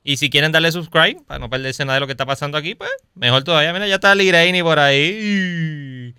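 Puerto rican guy hosting a beer livestream, super bright clear voice, dry close sound. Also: on the high side, quick pace, dry recording. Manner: lively, greets viewers often. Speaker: podcast host. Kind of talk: casual livestream chat. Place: home at night.

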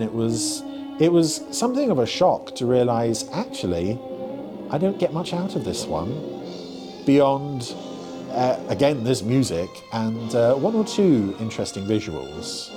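A man's voice: medium pitch, very animated, normal speed, music in the background. A man hosting a casual episode commentary in a wry, musing way. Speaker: host.

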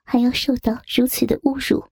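A woman reading a scripted audio story in a soft, half-whispered way. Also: on the high side, little pitch movement, fairly quick, creaky, no echo, clean studio sound. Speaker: narrator.

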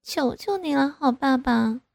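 A woman doing a coy, wheedling young mother, lifted high. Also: measured pace, a little mellow, no echo, clean studio sound. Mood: coaxing. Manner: coy, wheedling, sing-song.

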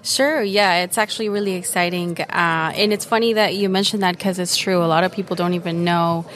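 Low-voiced woman guest from Venezuela. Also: fairly even intonation, a little fast, a bit bright. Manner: eager, explanatory, frequent fillers. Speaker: guest, retirement account specialist. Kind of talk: conversational interview. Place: busy conference floor.

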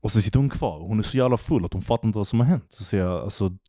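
A man's voice: fairly low pitch, dry recording, studio quality. A young man telling a story in casual chat, swearing a lot. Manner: animated anecdote-telling, heavy swearing.

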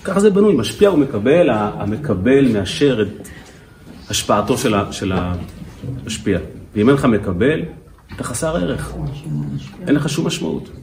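A man, a rabbi telling stories in a lively lecture to an audience and repeating words as he builds a point. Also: mid-range voice, pauses often, distant mic, slight background noise.

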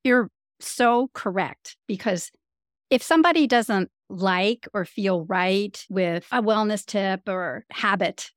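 A woman's voice: mid-range voice, no room sound, studio quality. Chatty woman podcast host. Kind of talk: podcast interview.

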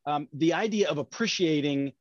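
Male interview host, Appalachian accent, high voice, rambling and rephrasing, close dry but slightly dull recording. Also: moderate pace, no room sound. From West Virginia, small town. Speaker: podcast host, company leader. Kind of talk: conversational interview.

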